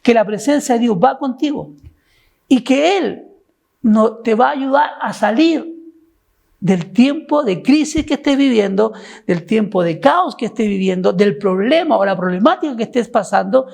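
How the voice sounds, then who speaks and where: A church group leader speaks straight to the people watching, urging them on and pressing them with questions. Her voice is fairly high and carries a gravelly edge. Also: lively intonation, moderate pace, darkish tone. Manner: exhorting, asks pointed questions. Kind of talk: preaching to an online audience.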